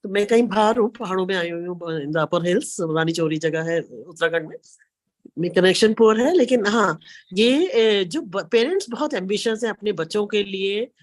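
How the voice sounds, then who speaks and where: Woman, sore throat, halting questioner; dry, close audio. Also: mid-range voice, animated, dry recording. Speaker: audience member asking a question. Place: hill area, poor connection.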